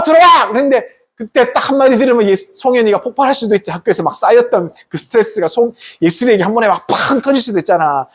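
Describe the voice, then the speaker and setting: A pastor preaching to a youth group in a lively storytelling manner. The voice rises and falls widely, with a slightly husky edge. The pastor keeps pulling the kids in with quick questions. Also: mid-range voice. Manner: animated, asks the kids questions often, tag questions.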